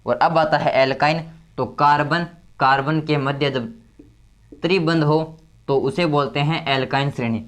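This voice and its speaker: A man teaching chemistry step by step, who repeats key terms and counts slowly aloud. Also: fairly high pitch, fairly even intonation, fairly bright tone. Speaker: chemistry tutor. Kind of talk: explaining step by step at a board.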